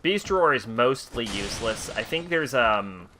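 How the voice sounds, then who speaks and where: A man's voice: medium pitch, expressive, measured pace, bright, forceful tone, slight background noise. A man giving casual, profane commentary while playing a video game on stream. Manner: swearing, self-mocking. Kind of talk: gameplay commentary. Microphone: headset.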